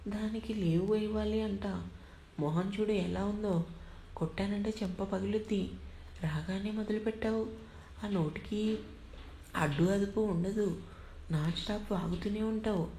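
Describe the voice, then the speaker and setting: A woman's voice: medium pitch, measured pace, long pauses, dark tone, lightly acted. A woman voicing a short-tempered young man who scolds rudely, in a story reading. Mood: scolding. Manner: scolding, rude. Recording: echoey room, faint hiss.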